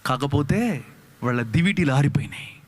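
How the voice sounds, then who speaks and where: A man's voice: a little high, expressive, normal speed. A male pastor, preaching a fervent sermon full of repeated rhetorical questions. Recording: reverberant hall.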